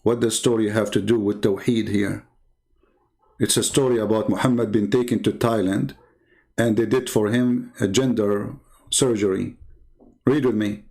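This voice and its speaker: A man speaks in a lowish, steady voice at a moderate pace, his tone on the dark side. A native Arabic speaker with an Arabic accent, he hosts a live stream where he reads religious texts aloud and needles them with sarcastic, mocking remarks.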